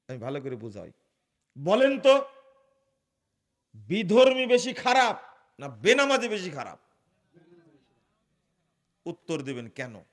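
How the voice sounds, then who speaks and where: A man preaching an Islamic sermon, putting questions to the audience and answering them himself, swinging between loud emphatic peaks and quiet low asides.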